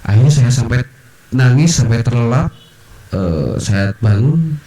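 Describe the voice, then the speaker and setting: A man as a podcast guest, telling personal stories in an animated way and acting out the voices of others. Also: medium pitch, measured pace. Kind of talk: personal storytelling in a podcast interview. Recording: roomy, distant mic.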